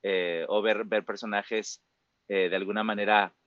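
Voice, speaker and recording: A man's voice: fairly low pitch, level tone, measured pace, a bit bright, no room sound. Man, Mexican Spanish accent, forties, interview guest, reflective, many fillers, dry slightly lo-fi sound. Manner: reflective, frequent fillers and tag questions. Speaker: musical theater performer, guest. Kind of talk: casual interview talk.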